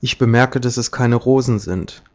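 A man voicing a timid, dignified professor who speaks formally and haltingly, in a dull lo-fi audiobook recording. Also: mid-range voice, close to an everyday voice. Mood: hesitant.

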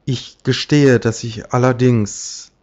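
A stiff, formal professor, read by a man in a storybook recording speaks with a halting, wounded dignity, at a middle pitch. The sound is dull and lo-fi. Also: darkish tone, natural voice. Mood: hesitant. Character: timid, dignified male professor, hesitant.

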